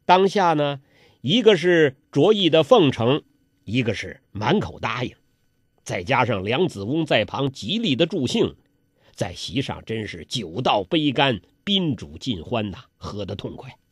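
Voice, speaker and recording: A man telling a traditional Chinese story, dramatic, moving between loud exclamations and hushed asides. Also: mid-range voice, big pitch swings, a little slow, breathy edge, dry recording, studio quality.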